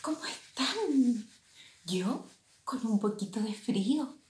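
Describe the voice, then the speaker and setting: A woman reading a picture book aloud to children in a gentle, expressive manner. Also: fairly high pitch, slow. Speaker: storyteller for children. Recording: roomy echo.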